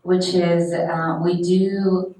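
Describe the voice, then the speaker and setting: A woman's voice: lowish voice, little pitch movement, extremely slow, mellow. A woman from Colombia introducing herself on a panel, earnest and hesitant. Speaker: panelist, business founder. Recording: echoey hall, distant mic.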